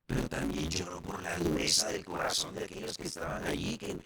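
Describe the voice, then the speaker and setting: A man's voice: deep voice, huge pitch swings, brisk, creaky, sharp tone. A man preaching a sermon as pastor, speaking directly to the congregation.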